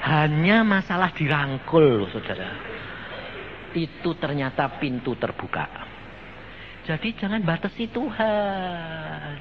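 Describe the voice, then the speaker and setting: A man's voice: fairly high pitch, takes it slowly. A male evangelist preaching a sermon. He tells stories by acting out the dialogue and keeps turning to his listeners. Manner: animated storytelling, acting out dialogue, addressing listeners as brothers. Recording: dull lo-fi sound with faint background noise.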